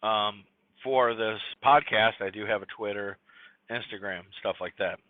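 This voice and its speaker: A man's voice: on the low side, unhurried, no room sound. A man hosting a casual solo podcast, rambling and scattered with many fillers and restarts. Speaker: podcast host. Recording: tinny phone-like dry recording.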